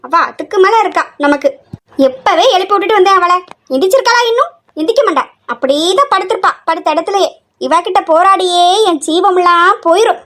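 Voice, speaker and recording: A woman's voice: very high-pitched, brisk, a bit bright. A woman playing a nagging middle-aged mother in a family comedy skit, scolding and complaining nonstop. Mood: grumbling.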